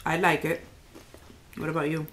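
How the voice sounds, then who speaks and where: A woman's voice: low-pitched, little pitch movement, normal speed, a bit bright. A woman in her thirties chatting casually as a mother co-hosting a family taste test at home. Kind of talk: casual family vlog chat. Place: small room at home.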